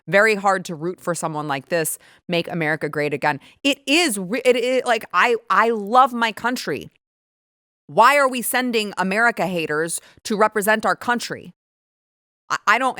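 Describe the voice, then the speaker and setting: A woman's voice: medium pitch, bright, forceful tone, no room sound, studio quality. A woman hosting her own show, giving sarcastic, emphatic and indignant political commentary. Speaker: show host.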